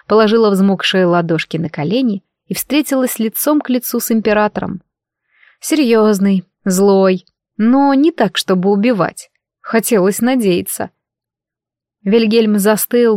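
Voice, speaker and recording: A woman narrating a first-person fantasy audiobook in a wry, lively storytelling manner, close to the mic. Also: mid-range voice, no room sound.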